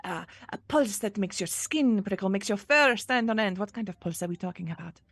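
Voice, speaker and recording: An eager, curious feline alien scientist fires off insistent questions in a tabletop role-play, as a woman puts her on. The voice sits at an ordinary middle pitch. The sound is close and dry. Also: normal speed, dry recording, close to an everyday voice. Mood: excited.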